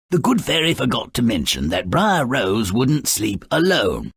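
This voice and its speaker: A male actor voices Grimm, a cranky, sardonic, gremlin-like dwarf who mockingly narrates fairy tales in a video game, in a full character voice that is gravelly, raspy, and theatrical. His voice sits at medium pitch, recorded with studio quality and no echo. His delivery is sneering and mock-dramatic, swooping from mutters to shouts.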